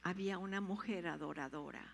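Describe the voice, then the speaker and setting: A woman preacher voicing Jesus speaking to Saul, slow and solemn, in a reverberant hall. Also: on the low side, vocal fry, slight background noise, voice pushed down.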